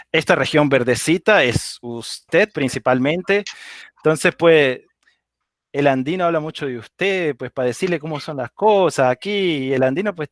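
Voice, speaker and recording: A man from Venezuela with an Andean accent, giving a relaxed live online talk on dialects and often checking in with "ok?". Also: medium pitch, dry recording, studio quality. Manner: explanatory, informal, with frequent "ok?" checks and laughs. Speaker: guest speaker on dialects.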